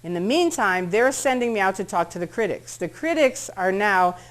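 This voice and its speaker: A woman's voice: medium pitch, animated, moderate pace, low-quality recording. A middle-aged American woman telling a personal story to an audience at a public talk, acting out what others said in shifting voices. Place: meeting room before an audience.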